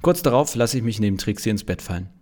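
A man's voice: lowish voice, lively intonation, fast talker, a little mellow. A male pastor narrating a humorous story in a dry, wry manner.

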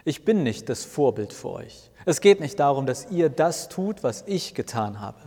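A man voicing Jesus as a relaxed, cheerful housemate in a spoken story, talking in a calm, earnest tone. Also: medium pitch, normal speed, creaky. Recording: long reverb, roomy hall sound.

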